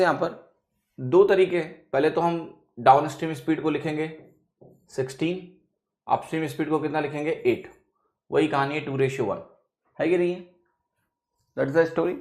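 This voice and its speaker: A man teaching math in a classroom lecture, explaining step by step and checking with his students, with English phrases mixed into his talk. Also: fairly high pitch. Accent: Indian. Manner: mixes English phrases into Hindi.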